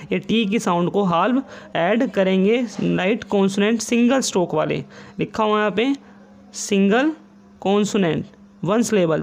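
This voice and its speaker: A young man teaches shorthand in a casual online lesson, his voice sitting high. He explains each step slowly and repeats points, reading rules aloud haltingly.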